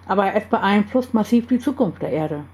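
Woman voicing a calm, earnest leader of a secret group, mellow tone, storybook reading. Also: medium pitch, normal speed, natural voice. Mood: grave.

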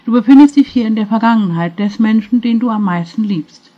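Kind, patient middle-aged man, a woman reading the part in an audiobook story; clear, a bit raised, slightly muffled recording. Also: a little high, a little fast, close to an everyday voice. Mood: earnest. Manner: patient, gentle. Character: gentle middle-aged male spirit guide, patient and kind.

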